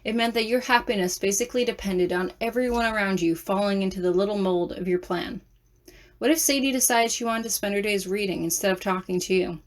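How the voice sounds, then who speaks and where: Soft-spoken woman narrating a fan story. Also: medium pitch. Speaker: audiobook narrator. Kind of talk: second-person fan fiction audiobook narration.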